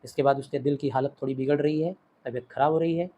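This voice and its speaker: This man has an Indian English accent and a medium-pitched, steady, warm voice, and he talks fast. He teaches a play line by line in a Hindi-English literature lesson, switching between the two languages. The audio quality is poor.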